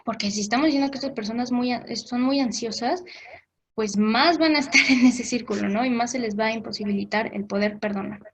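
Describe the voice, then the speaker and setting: A woman's voice: on the high side, a little fast, poor audio. A woman gives an informal talk on forgiveness, speaking conversationally with many fillers and briefly acting out the voices she quotes.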